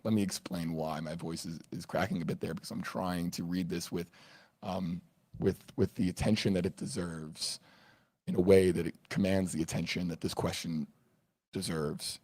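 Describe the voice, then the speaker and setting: A man hosting a news livestream, reading viewer comments with a hoarse voice in an earnest way, often repeating words as he restarts. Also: low-pitched, fairly even intonation, moderate pace, a little mellow, no room sound.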